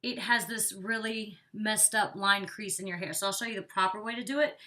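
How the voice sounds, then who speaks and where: With a medium-pitched voice that's brisk, pushed and bright, a young beauty vlogger talks her way through a hair tutorial. She rambles, says "like" a lot and sounds slightly congested and winded, and the mic sits at a distance.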